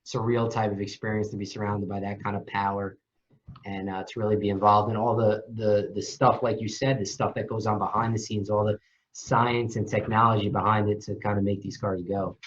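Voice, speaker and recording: A man hosting an interview, upbeat and quick to affirm his guest. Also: lowish voice, little pitch movement, dull audio. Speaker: interview host.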